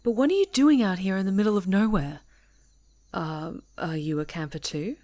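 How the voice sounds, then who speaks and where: In an ASMR roleplay, a woman plays a chatty, easygoing camper on a woodland retreat, chatting and teasing an unheard listener in a friendly way. Her voice is natural and medium-pitched with a darkish tone, and she keeps a moderate pace.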